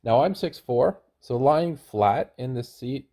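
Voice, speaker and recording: Male travel vlogger, very soft dark tone, middle pitch, low-key casual review narration. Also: expressive, slow pace.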